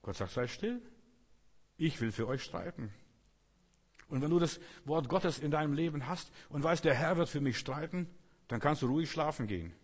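A man's voice: fairly high pitch, animated, moderate pace, breathy edge. A man preaching a sermon with emphatic repetition, sometimes acting out complaining voices. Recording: long hall reverb.

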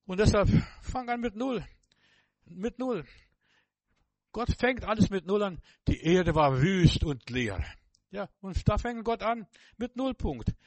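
Preaching straight to his audience, a high-voiced man repeats himself emphatically, his sermon shifting from loud outbursts to quiet, hushed stretches. The sound is dry.

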